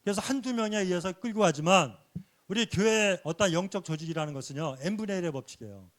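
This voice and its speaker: A man giving a sermon-like church lecture, earnestly explaining points and dropping a soft affirming "yes" between phrases. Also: high-pitched, expressive, fairly quick. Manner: earnest, explanatory teaching with rhetorical questions.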